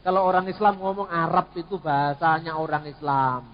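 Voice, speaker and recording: A middle-aged man gives an animated, joking talk on theology, dropping in words. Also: fairly high pitch, normal speed. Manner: animated, jokey, mixes in Javanese words. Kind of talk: lively teaching talk with humor. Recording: dull sound in a long-echoing hall.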